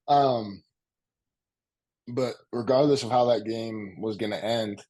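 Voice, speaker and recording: A young man who just finished playing college football speaks slowly and earnestly in an interview, holding back emotion and repeating phrases for emphasis. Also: medium pitch, dark tone, rough recording. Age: young adult. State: emotional, close to tears. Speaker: college football player guest. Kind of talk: reflective interview conversation.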